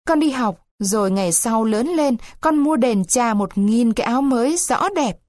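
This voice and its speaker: A woman's voice: a little high, lively intonation, moderate pace, darkish tone, no echo, studio quality, natural voice. A woman voicing a cheeky little wooden boy who talks in an earnest, childlike way. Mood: eager.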